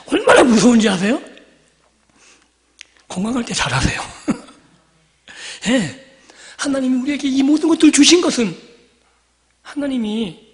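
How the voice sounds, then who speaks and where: High-voiced preacher in a reverberant hall. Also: male voice, sing-song, takes it slowly, pauses often. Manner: swings from loud emphatic lines to near-whispered endings; asks the congregation rhetorical questions. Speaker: pastor. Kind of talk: sermon.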